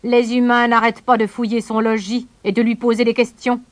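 A woman voicing a sly, mocking male kingfisher in a storybook, with a high giggly voice. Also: little pitch movement, brisk, close to an everyday voice.

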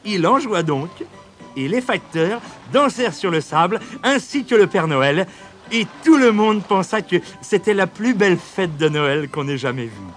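A man reading a children's story aloud in an expressive, lilting storytelling voice. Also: sits high, a little slow, soft background music. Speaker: narrator.

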